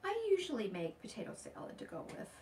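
A woman's voice: fairly high pitch, huge pitch swings, fast talker, darkish tone. An older woman demonstrating furniture painting live in a shop basement, chatting as she works. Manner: chatty, explains steps while working. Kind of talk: live how-to demonstration and chat. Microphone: far camera. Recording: distant voice, faint room noise.

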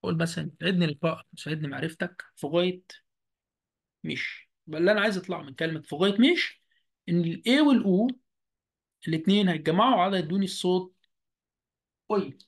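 A man with an Egyptian Arabic accent, teaching a beginner German lesson over a video call. He speaks slowly and repeats each word deliberately. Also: high voice, creaky, husky. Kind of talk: online language lesson.

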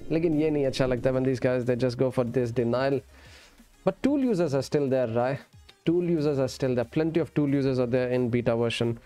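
A man's voice: medium pitch, dark tone, smooth. A man, chatting casually and in a friendly way as he streams a game. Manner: friendly, addresses viewers as friend and brother, switches between English and Urdu. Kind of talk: casual live-stream chat while gaming. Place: indoor streaming setup. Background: music.

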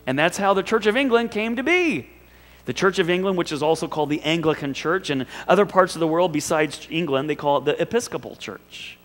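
Animated man preaching a sermon. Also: fairly high pitch, big-room sound. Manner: animated, conversational storytelling with rhetorical questions. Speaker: pastor. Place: church sanctuary.

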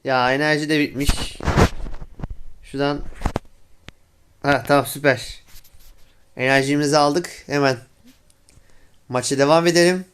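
A man's voice: on the high side, fairly even intonation, a little slow, pauses often, a bit bright, a little hiss or hum. A young man hosting a gaming channel, giving casual commentary on his play, exclaiming in frustration and talking to viewers as friends.

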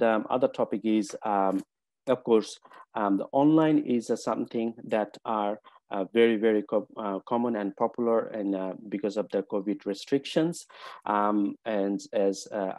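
A man presents over a video call, stopping and restarting often with many fillers. His voice sits a little low and sounds mellow. The sound is dry and close. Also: no echo. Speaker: presenter for a college. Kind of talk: webinar presentation.

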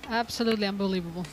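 A woman's voice: mid-range voice, very noisy. Upbeat woman co-commentating on pool. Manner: upbeat, laughs easily, explains technique. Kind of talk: live sports commentary.

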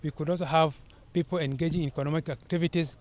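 County official, fairly high voice, earnest and halting outdoor statement. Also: male voice, fairly even intonation, a little mellow. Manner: earnest, with "uh" pauses and restarts. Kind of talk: press statement. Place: outdoors at a stadium. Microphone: handheld press mics.

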